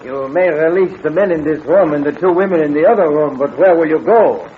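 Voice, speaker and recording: A man's voice: a little high, brisk, lightly acted. A man playing a defiant captive villain in an old radio show, speaking stiffly in formal, precise phrases. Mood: haughty, defiant. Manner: formal, precise wording without contractions. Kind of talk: old radio show, adventure serial acting. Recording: tinny, noisy old radio recording.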